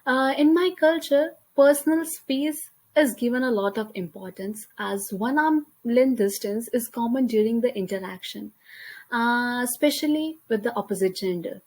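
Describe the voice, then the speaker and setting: Recorded on a computer mic over her slides, a student presenter from India reads a class presentation in a careful, measured way, with a few small slips. She's young, speaks Hindi natively and has an Indian accent, and her voice runs on the high side with a darkish tone at normal speed.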